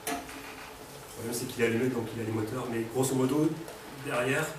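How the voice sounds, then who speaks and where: A man with a cold gives a live robot demo in a hall full of people, his mid-range voice moving at a moderate pace. He talks casually, full of fillers, and keeps throwing questions to the room. The recording is echoey, with a distant mic and background noise.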